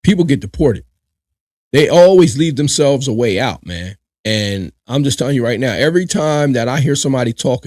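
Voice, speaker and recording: A man's voice: medium pitch, a little mellow, no echo. Emphatic man reacting live, dry sound. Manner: emphatic, repetitive, addresses viewers directly. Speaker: live reaction show host.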